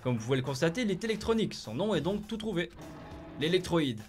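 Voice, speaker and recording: A man's voice: on the high side, big pitch swings, quick pace, faint music behind. A man voicing a mocking robot bear headmaster, cruel and gleeful, in a theatrical, sing-song, taunting manner. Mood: mock-stern.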